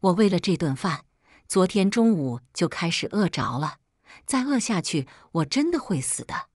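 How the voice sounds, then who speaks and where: A woman voicing an older mother-in-law who complains loudly and indignantly. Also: fairly low pitch, sing-song, normal speed, slightly rough, no room sound, studio quality, exaggerated voice. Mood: weak.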